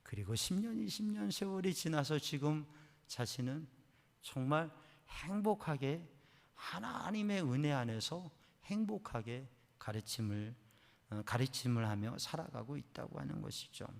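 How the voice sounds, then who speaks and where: A male pastor preaching a Sunday sermon, swinging between hushed storytelling and fervent, raised passages. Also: fairly high pitch, expressive, normal speed, vocal fry, long reverb tail. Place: church sanctuary.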